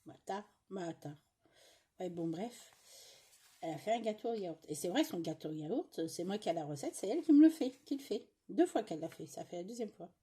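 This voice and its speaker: Husky chatty woman grumbling at home. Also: medium pitch, expressive, brisk, warm tone. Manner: chatty, grumbling, lots of fillers and asides. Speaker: cross-stitch vlogger. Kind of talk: casual chat while stitching.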